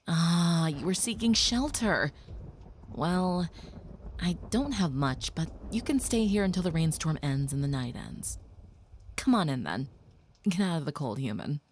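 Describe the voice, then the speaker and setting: A woman's deep, expressive voice brings a gentle, protective young female vampire to life in an audio roleplay. She speaks softly and reassuringly at a measured pace, whispering at times, over a little hiss or hum.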